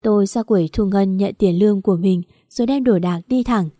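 A woman's voice: mid-range voice, brisk, dark tone, no room sound, clean studio sound. A woman narrating a first-person story, telling it plainly and lifting her voice a little for the quarrels.

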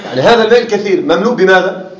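High-voiced man teaching in an echoey classroom. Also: animated. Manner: asks students often if they follow; repeats words slowly for emphasis. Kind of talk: classroom lecture on Arabic rhetoric. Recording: echoey classroom with faint noise.

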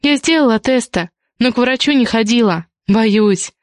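A woman reader voicing a young, anxious, loving wife who speaks in soft, breathy whispers in an audiobook. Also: a little high, normal speed, dry recording, studio quality, lightly acted. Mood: soft pleading. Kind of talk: audiobook character voice.

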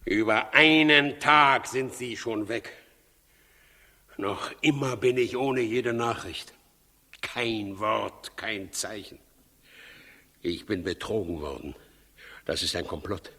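A man's voice: fairly low pitch, slow pace, long pauses, sharp tone, full character voice. An actor playing an imperious, suspicious, easily enraged king in a 1960s radio drama, with a commanding, agitated manner. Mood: brooding, suspicious. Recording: 1960s radio recording, long hall reverb.

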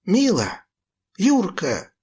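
A panicky young boy pleads and shouts high and loud. A man acts him out in a storybook reading, his husky voice pushed up and strained. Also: slow pace. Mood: frightened.

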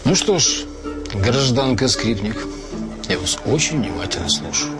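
Actor as a composed investigator with animated pitch, music behind. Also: male voice, a little slow, lightly acted. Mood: pointed, sardonic. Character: composed male Soviet police investigator, probing and sardonic. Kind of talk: screen crime drama acting.

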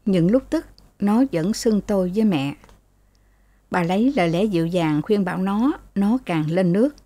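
A woman narrating a novel as an audiobook in a steady, even storytelling voice. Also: medium pitch, moderate pace, dry recording.

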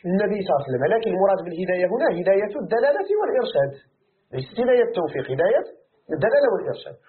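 A man with a Moroccan accent teaching a Quran commentary lesson, who asks his students questions and answers them himself. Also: very high-pitched. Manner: animated, rhetorical questions to students. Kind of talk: classroom tafsir lesson. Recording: tinny phone-like recording.

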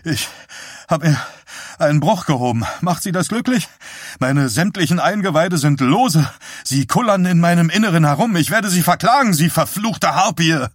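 Man doing a loud, complaining, worn-out young patient, audiobook, dry sound. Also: fairly high pitch, expressive, normal speed, no echo, pitched above the performer's own voice. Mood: whiny. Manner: complaining loudly. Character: exhausted grumbling young man in rehab.

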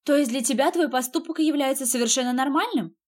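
A woman's voice: high voice, quick pace, voice pushed up, natural voice. A woman voicing a hurt, furious young wife in an audiobook, speaking in raised, emphatic bursts.

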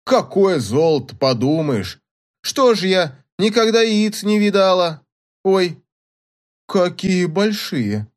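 A man's voice: high voice, sing-song, slow pace, pitched above the performer's own voice, full character voice. A man voicing a blunt, scolding peasant wife.

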